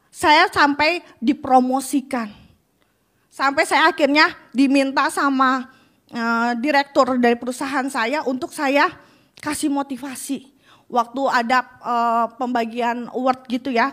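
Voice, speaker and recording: High-voiced lady pastor, emotional testimony sermon in church. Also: measured pace, fairly bright tone. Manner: emotional, earnest storytelling.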